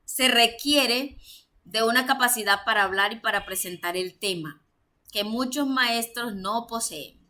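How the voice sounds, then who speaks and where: Colombian Spanish woman, church teacher, crisp bright tone, lecture reading with unscripted asides. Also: fairly high pitch, a little slow. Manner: reads points then explains them with fillers.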